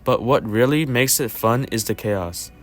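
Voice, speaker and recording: A man's voice: mid-range voice, unhurried, soft background music. A man hosting a video game review, reading scripted narration in the manner of an online reviewer.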